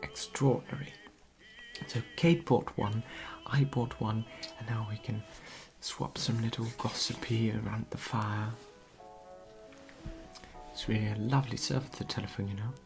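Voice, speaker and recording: A performer in an ASMR role-play as a genteel period society lady, gossiping softly and confidingly at a tea parlour. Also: medium pitch, steady tone, a little slow, music in the background, lightly acted, rough recording. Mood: chatty, admiring. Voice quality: soft-spoken.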